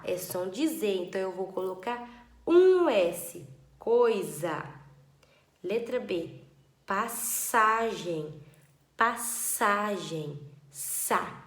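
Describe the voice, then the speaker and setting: A woman teaching young children a spelling lesson, patient and drawn-out, stretching words syllable by syllable. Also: mid-range voice, echoey room.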